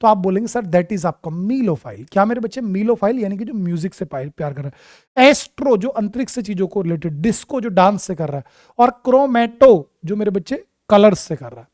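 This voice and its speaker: A man's voice: sits high, expressive, darkish tone, no echo. Male vocabulary teacher, fond and coaxing with students, quizzes them and answers himself, dry close recording. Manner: calls students "my child" and "darling", asks and answers his own questions; mixes English terms into quick Hindi explanations. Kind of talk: exam vocabulary lesson.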